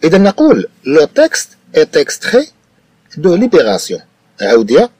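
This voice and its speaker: Man, Moroccan Arabic accent, tutor, fairly high lively voice, repeats and checks understanding. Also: fairly quick, husky, dry recording. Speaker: French teacher. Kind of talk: explanatory tutoring lesson.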